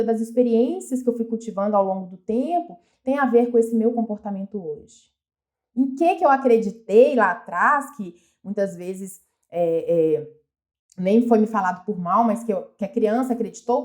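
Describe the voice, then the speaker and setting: Woman, Brazilian Portuguese accent, motivational speaker, reflective, earnest, slightly high-pitched. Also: a little mellow. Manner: earnest, asks herself many questions, frequent restarts. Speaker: self-help speaker.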